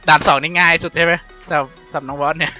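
A young man playing and commenting on a video game in a casual, playful way, laughing often and yelping when excited. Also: a little high, rapid-fire, faint music behind. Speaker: gaming YouTuber.

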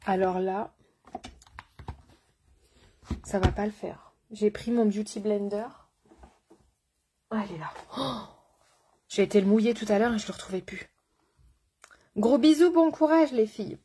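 A woman makeup artist talks through a live makeup tutorial in a slightly husky, breathy voice at a middle pitch. She is chatty and slangy, full of enthusiasm, and calls her viewers by pet names. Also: fairly even intonation, moderate pace, pauses often, warm tone.

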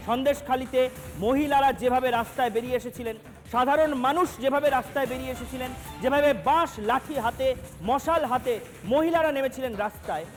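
A man anchoring a news program, giving emphatic, measured commentary. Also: very high voice.

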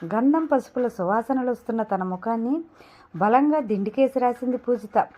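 Brief: female audio-novel narrator, measured and steady, high-ish voice, muffled lo-fi recording. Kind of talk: scripted story narration. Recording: dull lo-fi recording.

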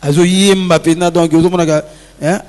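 High-voiced man talking in a reverberant hall. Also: fairly even intonation, a little fast, a little mellow, clear, resonant tone. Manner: earnest, advice-giving, reflective. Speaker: musician guest. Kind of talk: casual interview talk mixing Lingala and French. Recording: long hall reverb with faint music.

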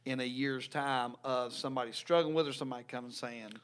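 A man's voice: medium pitch, steady tone, quick pace, a bit bright, clean tone. A man, a youth pastor co-hosting a casual podcast talk, earnest and restarting his words often, speaking into a desk mic in a small church room. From North Carolina, USA. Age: 30s. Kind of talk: casual chat. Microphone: desk mic on a stand.

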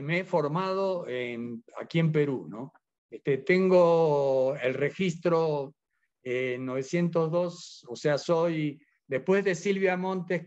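A man's voice: a little high, a little mellow, dull audio. A man in his seventies, born in Argentina, speaking as an interview guest, hesitant and full of fillers. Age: 70s. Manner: hesitant, many fillers and restarts. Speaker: interview guest, Biodanza teacher. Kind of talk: casual interview.

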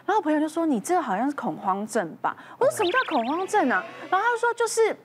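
A woman panelist on a medical talk show, telling a personal story in animated style and acting out her own panicked words with stammers. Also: high-pitched, rapid-fire, slight background noise.

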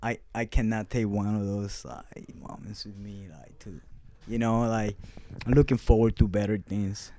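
A man's voice: on the low side, little pitch movement, normal speed, mellow, a little hiss or hum. Man, loose profane talk. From Puerto Rico. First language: Spanish. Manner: loose, profane street talk with many fillers. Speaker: clothing brand founder. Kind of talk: casual interview answers.

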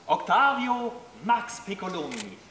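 A formal nobleman of the war camp speaks in theatrical, declamatory stage style, played by a man. His fairly high voice swings widely and echoes around a noisy courtyard. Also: sing-song, a little slow, sharp tone, exaggerated voice. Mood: formal, urgent. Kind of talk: classical open-air stage drama. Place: outdoor stone courtyard stage. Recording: echoey courtyard with clear noise.

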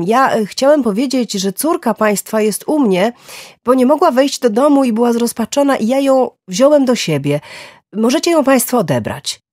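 A woman's voice: fairly high pitch, a little mellow, no echo, clean studio sound, pitched above the performer's own voice. A woman voicing a shy, awkward man who stammers and halts with fillers, in an audiobook thriller. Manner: hesitant, halting with fillers.

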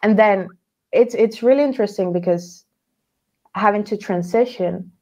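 Lively woman from Venezuela on a headset. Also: mid-range voice, normal speed, muffled recording. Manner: lively storyteller, laughs often. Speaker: guest. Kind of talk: casual interview chat. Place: home workroom, indoors. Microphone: headset on a video call.

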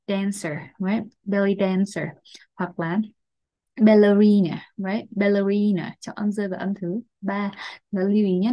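A woman's voice: mid-range voice, dark tone. A young adult woman with a Vietnamese accent, teaching English vocabulary and checking in often with tag questions.

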